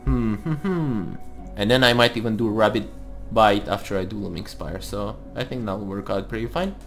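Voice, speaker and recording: A man with a slightly deep voice gives casual gameplay commentary. He thinks aloud as he goes, with faint music underneath. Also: normal speed, a bit bright. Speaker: host of a card game let's play series.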